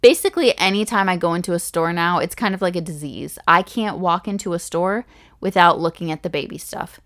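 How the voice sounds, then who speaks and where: A young woman hosting her own podcast, pregnant and chatting on her own in a gushing, easygoing way. Her voice sits a little low for a woman. She restarts her sentences often and laughs softly as she talks. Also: fairly quick. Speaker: podcast host. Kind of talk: casual solo podcast talk.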